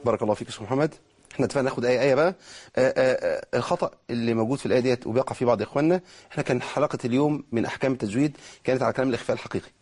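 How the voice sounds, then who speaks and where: A man with an Egyptian accent teaching Quran recitation rules, explaining quickly and slowing down to model drawn-out words. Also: mid-range voice, darkish tone. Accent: Egyptian Arabic. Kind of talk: tajweed lesson, explaining and demonstrating.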